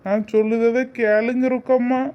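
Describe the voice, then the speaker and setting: A man's voice: very high voice, flat delivery, normal speed, clean tone, dull audio. A man voicing a bitter young man who speaks angrily and resentfully. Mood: angry. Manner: angry, resentful. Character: bitter young village man, disowning his mother.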